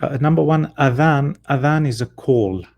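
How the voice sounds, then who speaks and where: Man, Quran reading teacher, patient step-by-step explanations, gravelly, dark tone. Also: fairly high pitch, normal speed. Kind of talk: one-on-one lesson.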